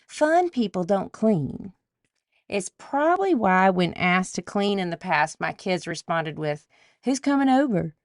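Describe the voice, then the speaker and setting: A woman's voice: deep voice, creaky, dry recording, clean studio sound. A woman, hosting a solo podcast and talking through a numbered list with faith asides. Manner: warm list-style reflection with faith asides. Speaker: podcast host. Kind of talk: scripted solo podcast talk.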